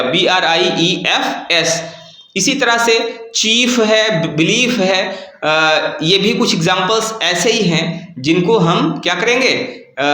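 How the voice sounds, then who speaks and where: A man's voice: high voice, pushed and bright, reverberant. A man teaching a grammar lesson, explaining step by step and asking his students questions.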